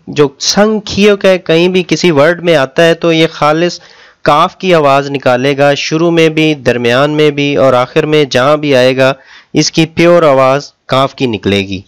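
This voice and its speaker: Patient man drilling sounds slowly. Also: on the high side, clean tone. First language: Urdu. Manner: slow drawn-out pronunciation drills, patient explaining. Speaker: Korean language teacher. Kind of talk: step-by-step language lesson.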